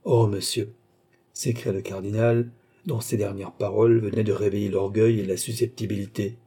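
A man narrating a classic novel as an audiobook, in an even, steady delivery. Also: on the low side, fairly quick, breathy edge.

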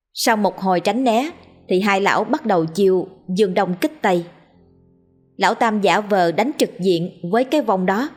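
A woman narrating a ghost story in a scripted, storytelling way. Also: mid-range voice.

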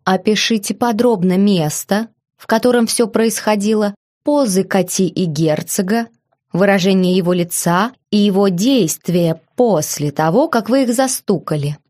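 A woman reading the lines of a calm, gallant young marquis who teases lightly, in an audiobook. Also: medium pitch, moderate pace, natural voice. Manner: calm, courteous, lightly amused.

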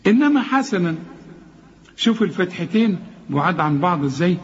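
Egyptian man teaching Quran recitation. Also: high voice. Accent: Egyptian Arabic. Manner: lively teacher, chants verses slowly, asks and answers himself. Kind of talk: tajweed lesson. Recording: dull lo-fi recording.

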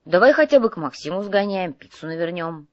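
A woman's voice: lowish voice, lively intonation, brisk, no echo, lo-fi sound, natural voice. A woman voicing a lazy, always-hungry male fortune-teller mage who whines and teases. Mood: coaxing. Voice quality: whiny, teasing.

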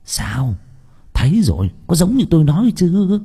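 A man's voice: fairly high pitch, very animated, normal speed, dark tone, slightly rough, voice pushed up, heavily acted. A man voicing a sly middle-aged sorcerer who teases and talks in secrets. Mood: mocking.

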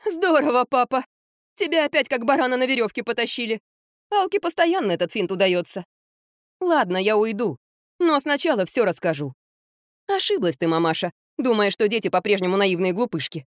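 A woman's voice: on the high side, expressive, a little fast, no room sound, studio quality, pitched above the performer's own voice, natural voice. Woman voicing a mocking spoiled young woman. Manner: sharp, mocking. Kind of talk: audiobook character voice.

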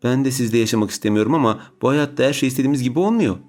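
A man's voice: medium pitch, very fast, a little mellow, voice pushed up, natural voice. A man voicing a proud, defiant teenage girl with magic powers who talks back to her aunt in an audiobook. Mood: fed up.

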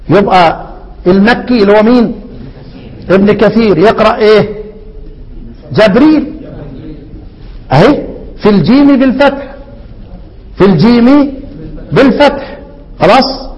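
A man with an Egyptian accent teaching Quranic readings to a class, lively, asking questions and answering them himself, repeating key words. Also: high voice, lo-fi sound. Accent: Egyptian Arabic. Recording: hall with long reverb.

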